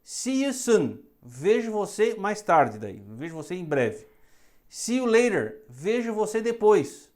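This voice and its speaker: A Brazilian woman teaches English phrases at a medium pitch, speaking each one slowly and clearly. She talks in the patient tone of a teacher drilling a class that repeats after her. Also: sing-song, darkish tone. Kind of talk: bilingual English lesson.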